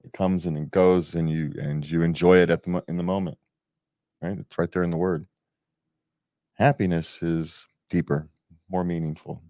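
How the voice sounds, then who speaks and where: A man's voice: low voice, fairly even intonation, normal speed, long pauses, dark tone, no echo, clean studio sound. A man hosting a relationship podcast in a casual, rambling, self-deprecating way, chuckling as he talks. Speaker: podcast host.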